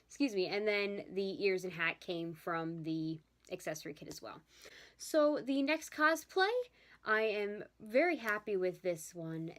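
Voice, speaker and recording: A young woman talking through her homemade costumes in a relaxed vlog. Her voice sits at an average pitch, and she chats on easily, pausing now and then to apologize. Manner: chatty, apologetic, yawning at times. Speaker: vlogger showing her handmade cosplays. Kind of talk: casual chat.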